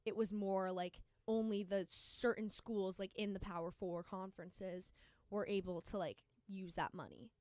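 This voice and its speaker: A woman's voice: medium pitch, fairly even intonation, darkish tone, no echo, studio quality. A young woman co-hosting a sports radio show, talking casually with lots of fillers. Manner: chatty, fillers, quick opinions.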